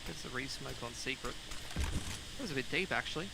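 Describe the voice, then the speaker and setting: A man's voice: medium pitch, brisk. A man giving casual, chatty analysis during a video game match. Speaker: esports commentator. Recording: clear game noise behind.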